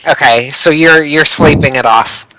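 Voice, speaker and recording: A man narrating as dungeon master in a tabletop game, talking in a relaxed, conversational way with fillers. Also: a little high, normal speed, poor audio.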